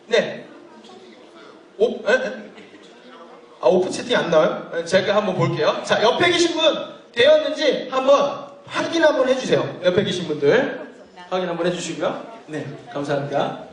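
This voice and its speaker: A man warming up a live audience as event host, joking and coaxing the crowd with a handheld mic in a large hall. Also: high-pitched, animated, moderate pace, long pauses, recorded from a distance. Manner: playful, jokey, coaxing the crowd. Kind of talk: lively event hosting. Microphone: handheld mic heard from a distance. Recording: echoey hall, voice from afar.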